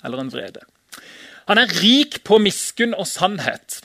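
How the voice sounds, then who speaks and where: A man's voice: sits high, big pitch swings, dry recording, clean studio sound. A man giving an informal, chatty sermon, laughing now and then and acting out the quotes he reads. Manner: casual, chatty, laughs often, acts out shouted quotes. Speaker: preacher.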